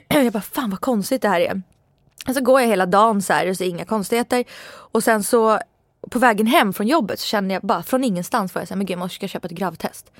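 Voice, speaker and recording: A woman's voice: mid-range voice, dry recording, clean studio sound. Chatty woman in her thirties. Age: 30s. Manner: chatty, lively retelling with quoted asides. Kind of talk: casual storytelling chat.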